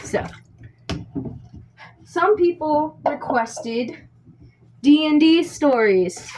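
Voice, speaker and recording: A young woman vlogging in a casual, rambling storytelling style, spacey and scattered, as she talks while washing dishes. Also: high voice. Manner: spacey, scattered, self-interrupting. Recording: noisy room with dish-washing sounds. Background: scuffling and clatter of dishes.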